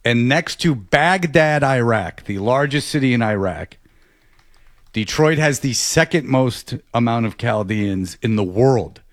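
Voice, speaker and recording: A man co-hosting a casual sports talk show, animated and quick with asides. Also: mid-range voice, no echo. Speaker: sports radio host.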